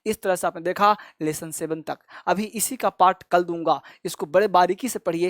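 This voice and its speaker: A man's voice: high voice, dry recording. Patient man drilling a lesson, dry sound. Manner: repeats each rule over and over, coaxing students; fond, familiar address to viewers as friends and kids. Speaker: spoken English teacher. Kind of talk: classroom lesson explanation.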